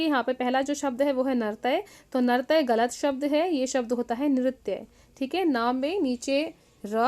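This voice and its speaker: A woman's voice: high-pitched, a little mellow. A woman teacher explaining a worksheet to young children, patiently repeating words and calling them "children". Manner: patient, repeats each word, addresses "children" often.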